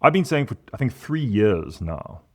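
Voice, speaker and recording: Guy, 40s, podcast guest, lowish voice, gets really animated and punchy. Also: normal speed. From South Africa. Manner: animated and emphatic, big pitch swings. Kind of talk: casual podcast conversation.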